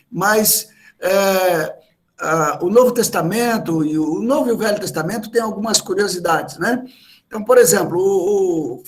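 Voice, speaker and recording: A Brazilian man with a Brazilian Portuguese accent preaches at a church meeting, his voice sitting high for a man. He teaches patiently, stopping to explain each word. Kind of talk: sermon.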